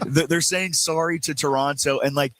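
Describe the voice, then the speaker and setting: A man's voice: fairly high pitch, no echo, poor audio. Playful sports radio host, man. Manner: animated, playful, rambling with quick asides. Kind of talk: casual sports talk. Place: radio show booth at a live event.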